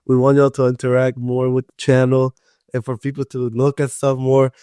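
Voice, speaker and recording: A man's voice: medium pitch, completely flat delivery, normal speed, mellow, smooth, no echo, clean studio sound. A young man co-hosting a casual podcast with loose, joking, slangy banter. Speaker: podcast co-host. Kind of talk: casual chat.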